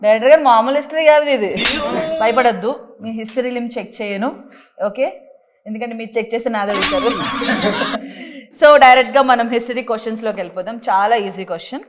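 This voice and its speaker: A woman runs a playful quiz game show, teasing the guests and ordering them around. Her voice sits a little high and she talks quickly. Noise can be heard behind her. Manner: teasing, bossy, mixes English words in.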